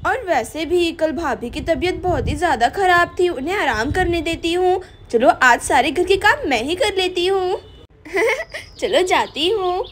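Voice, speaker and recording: A woman's voice: extremely high pitch, expressive, unhurried, fairly bright tone, a little hiss or hum, full character voice. A woman voicing a busy young housewife who chats to herself and scolds her husband in a doll story. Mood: chatty. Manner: chatty, scolding, talking to herself.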